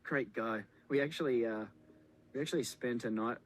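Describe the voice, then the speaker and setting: A man's voice: medium pitch, normal speed, rough recording. A man recording a joking film commentary, full of sarcastic, mock-insulting banter. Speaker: filmmaker on a commentary track.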